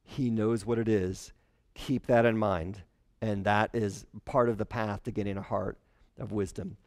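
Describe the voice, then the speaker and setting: Speaking at an unhurried pace in a lowish voice, this man in his forties preaches a sermon over a headset mic. His conversational, animated style includes putting on character voices for quotes, captured dry and close with hardly any echo.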